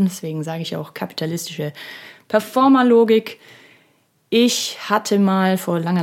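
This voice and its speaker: A woman's voice: lowish voice, darkish tone. Self-ironic woman in her thirties, podcasting. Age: 30s. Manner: chatty and self-ironic, many filler sounds. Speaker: podcast host. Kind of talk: casual solo podcast monologue. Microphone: studio microphone.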